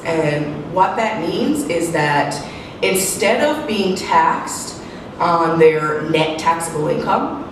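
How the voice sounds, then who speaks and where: A woman with a head cold, sounding slightly muffled and sniffly, explains technical material in a halting professional presentation. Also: low-pitched. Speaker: senior tax manager presenting. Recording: very echoey room, distant mic, noisy.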